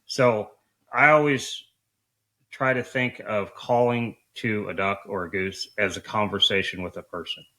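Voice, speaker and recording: Male coach, deep but punchy and bright, explains technique in plain, colloquial conversation. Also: fairly even intonation, measured pace. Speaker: duck calling coach. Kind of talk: conversational instruction.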